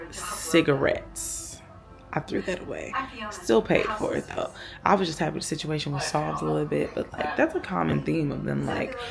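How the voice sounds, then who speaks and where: A young woman in a casual travel vlog, her voice low and gravelly with some vocal fry. She tells her story in an animated way, quoting each person in turn. Clear music plays behind her. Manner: animated retelling, acting out both sides of conversations. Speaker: travel vlogger.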